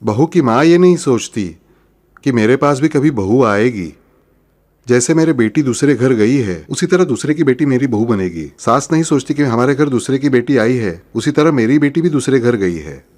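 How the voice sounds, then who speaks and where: A man's voice: medium pitch, expressive, moderate pace, darkish tone. Man giving a storytelling sermon. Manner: explanatory, storytelling, asks and answers his own questions. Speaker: spiritual teacher. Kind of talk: Hindi religious discourse.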